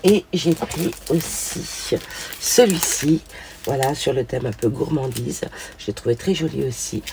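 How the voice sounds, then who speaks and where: Older female craft vlogger with a hoarse, gravelly voice and a chatty, gushing manner, recorded at home with a noisy track and clicks. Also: very deep voice, expressive, unhurried. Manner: chatty, gushing, frequent fillers. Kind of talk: casual show-and-tell haul.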